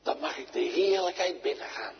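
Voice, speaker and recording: A male pastor preaching and praying, moving from loud proclamation to quiet, intimate speech. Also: high-pitched, animated, normal speed, creaky, crowd noise. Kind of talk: sermon and prayer. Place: church. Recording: dull sound with long church reverb.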